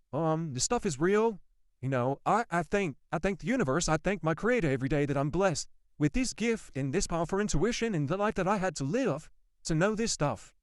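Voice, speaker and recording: A man telling a personal ghost story to his viewers in a casual, animated way, often repeating himself and swearing. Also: a little high, no echo, studio quality. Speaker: vlogger.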